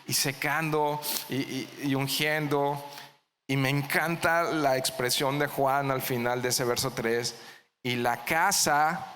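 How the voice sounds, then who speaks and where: Pastor, male, bright forceful tone, quizzes the congregation, reverberant church hall with faint hiss. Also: mid-range voice. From Mexico. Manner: asks the congregation questions, answers them himself. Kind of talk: verse-by-verse sermon.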